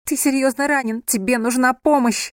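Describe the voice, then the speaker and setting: A woman's voice: little pitch movement, moderate pace, dry recording, clean studio sound, natural voice. A woman reading a novel aloud and voicing a frightened young wife who cries out and pleads with her wounded husband. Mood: frantic pleading. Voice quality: high and loud, crying out. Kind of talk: audiobook character voice.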